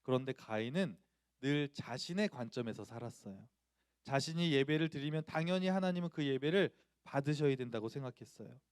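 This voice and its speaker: A man's voice: medium pitch, animated, a little fast, clean tone, no echo, studio quality. A man, a pastor, preaching a sermon to students, telling a personal story and asking the congregation questions. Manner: acts out quoted voices loudly.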